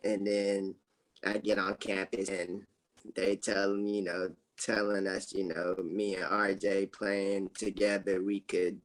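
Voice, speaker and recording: A young man, a former college basketball player, talking as a guest in a casual interview, relaxed, with fillers and soft laughs. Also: sits low, measured pace, low-quality recording.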